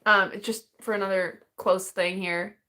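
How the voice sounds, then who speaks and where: A woman's voice: mid-range voice, flat delivery, moderate pace, pushed and bright. A woman chatting casually on a live stream as she opens fan mail, rambling and hesitant with many restarts and small laughs.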